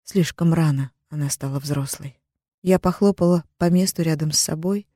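A woman reads a first-person novel aloud, calm and even. Her voice is warm and mellow, and the recording is dry and close with no room sound. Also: sits low, normal speed, no echo. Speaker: audiobook narrator. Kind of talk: first-person audiobook narration.

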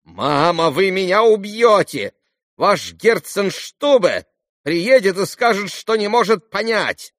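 A shrill, demanding teenage girl, put on by a male audiobook reader. Her voice sits far above his own and bursts out in quick, commanding cries. The sound is dry and close. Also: expressive, fairly bright tone, dry recording. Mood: frantic commanding. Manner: shrill, commanding, rapid outbursts. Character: teenage girl, sick, imperious and excitable. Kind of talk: audiobook character reading.

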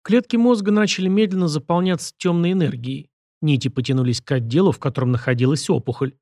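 A man reads a first-person audiobook in a steady, measured way. His voice sits somewhat high for a man, recorded close with a dry, deadened sound. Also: no echo. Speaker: audiobook narrator.

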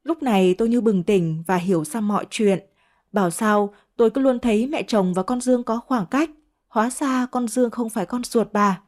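A woman's voice: fairly high pitch, moderate pace, darkish tone. Woman narrating a family drama story. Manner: reads every character herself, shifting tone for quarrels and crying. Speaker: audiobook narrator. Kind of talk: first-person story narration with voiced dialogue.

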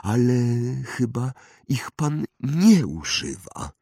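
Eerie old wandmaker for a storybook reading, hushed and slow, higher than the male reader's own voice. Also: very animated, vocal fry, breathy edge, no room sound, studio quality, full character voice. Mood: stern. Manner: slow, hushed, drawn-out musing.

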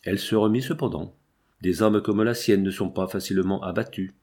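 A man with a low voice reads an old French novel aloud in a measured, expressive narration. He lifts his tone now and then for emphasis, but stays steady and unhurried. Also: breathy edge. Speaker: audiobook narrator. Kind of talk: literary audiobook narration.

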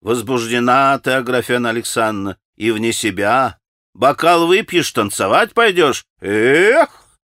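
A man's voice: mid-range voice, lively intonation, a little slow, pushed and bright, no echo, clean studio sound. A male audiobook reader plays a mocking, spiteful young man who taunts and jeers. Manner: taunting, sarcastic.

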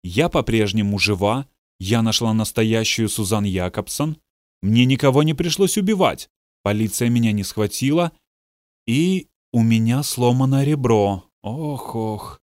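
A male narrator voicing an injured young woman who speaks hoarsely and shakily in an audiobook. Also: mid-range voice, expressive, a little slow, dry recording, clean studio sound, natural voice. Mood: strained. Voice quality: hoarse, trembling. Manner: gasping, strained. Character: battered hoarse young woman, desperate and frightened. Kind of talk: audiobook dialogue reading.

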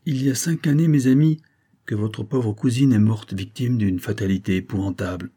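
Guy reading old general voice, solemn and firm, kinda husky and dark, audiobook style. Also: lowish voice, normal speed. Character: elderly male general, solemn, kindly patriarch.

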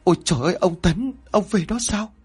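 A man's voice: medium pitch, very animated, brisk, a bit bright. A man voicing a frightened, stern middle-aged mother in a spoken ghost story, with a scolding, alarmed manner. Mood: terrified.

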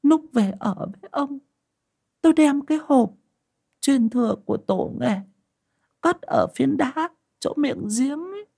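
A woman's voice: sits high, lively intonation, measured pace, vocal fry, long pauses, warm tone, pitched above the performer's own voice, heavily acted. A man voicing an older village wife who was once a shaman, crying and pleading in a choked voice. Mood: sorrowful recollection.

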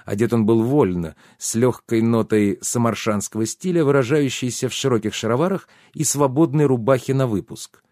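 A man narrating an audiobook in a measured storytelling manner. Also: mid-range voice, a little mellow, no echo, clean studio sound.

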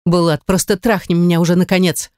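A woman voicing a desperate young heroine in an adult audiobook, with high, breathless pleading. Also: little pitch movement, fairly quick, darkish tone, no room sound, studio quality, close to an everyday voice.

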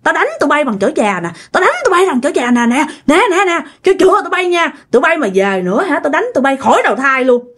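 An enraged old grandmother with a Southern Vietnamese accent shouts threats at unwanted ghosts, as a woman storyteller puts her on. Her high voice leaps up and down as she scolds. The tone is poor, fed up and fierce. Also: sing-song, fast talker, few pauses. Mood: furious scolding.

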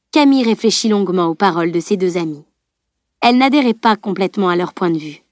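A woman narrates a fantasy novel as an audiobook, reading at a steady, measured pace. Her voice sits at a middling pitch for a woman and sounds dry and close to the mic, with no room echo. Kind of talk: scripted narration.

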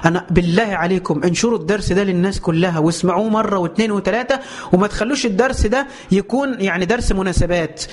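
A man's voice: sits high, rapid-fire. A man with an Egyptian Arabic accent giving a religious lesson, emotional and emphatic, swearing oaths and speaking straight to his listeners. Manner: addresses listeners directly. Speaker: preacher.

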